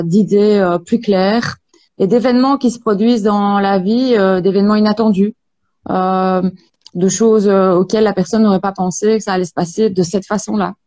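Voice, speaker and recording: A woman with a mellow, soft-edged voice speaks calmly and at a measured pace, often pausing on hesitations. She explains energy healing sessions as a guest in an interview. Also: mid-range voice. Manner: calm, measured, many hesitations. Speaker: Access Bars practitioner, guest.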